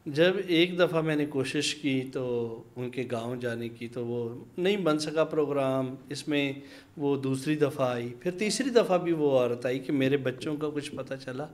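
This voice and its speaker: A man from Pakistan, an interview guest telling a long anecdote. He pauses to hesitate and acts out the voices of the people in his story. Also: mid-range voice. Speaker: interview guest, minority community leader. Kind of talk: conversational storytelling.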